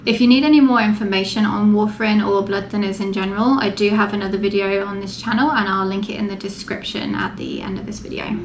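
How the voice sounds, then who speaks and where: A woman's voice: medium pitch, fairly even intonation, quick pace, few pauses. A woman talking informally and matter-of-factly, explaining things step by step in a casual vlog. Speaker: vlogger. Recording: echoey room with faint background noise.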